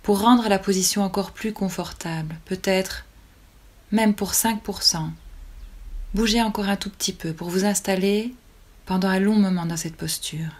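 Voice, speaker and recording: A woman, a yoga nidra teacher, leads a guided relaxation in a calm, soothing medium-pitched voice. She speaks in short phrases separated by long pauses.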